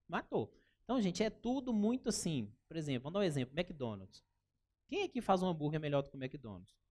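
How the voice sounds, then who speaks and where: A man with a Brazilian accent teaching a live workshop, chatty and animated, often turning to the audience with anecdotes. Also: high voice. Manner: animated, chatty, keeps calling the audience "gente" and telling anecdotes. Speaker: workshop instructor.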